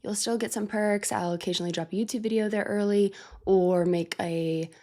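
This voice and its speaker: Sick and congested, a woman who hosts a music reaction channel talks casually to camera in a nasal voice, thinking aloud with fillers. Her pitch is medium, her tone steady and dark, her pace moderate.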